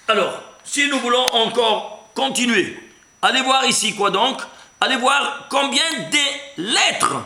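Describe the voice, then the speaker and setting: A man leads an animated Torah lesson as a rabbi, firing questions and counting through numbers aloud. His voice sits high and bright, swinging widely in pitch. The room is echoey. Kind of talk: lively Torah lesson with gematria.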